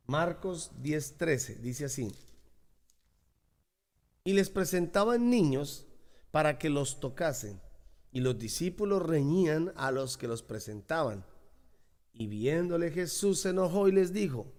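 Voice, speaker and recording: Guy pastor preaching a sermon, kinda high voice, repeats stuff for emphasis. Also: expressive, unhurried, long pauses, darkish tone.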